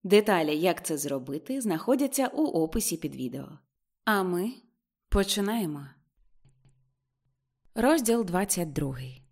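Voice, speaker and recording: A woman narrating an audiobook in a measured, even reading voice. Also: fairly low pitch. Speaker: audiobook reader.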